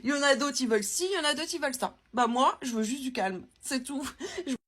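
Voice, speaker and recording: Woman, husky voice, chatty, rambling, casual vlog, hotel room, handheld phone. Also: high voice, fast talker, fairly bright tone. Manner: chatty, rambling, many fillers and restarts. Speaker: vlogger. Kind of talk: casual travel vlog chat.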